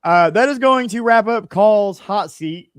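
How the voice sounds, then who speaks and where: A man's voice: high-pitched, animated, measured pace, clear, resonant tone, no room sound. Easygoing male host, dry close sound. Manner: easygoing, a little rambling. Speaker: podcast co-host. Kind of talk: casual interview hosting.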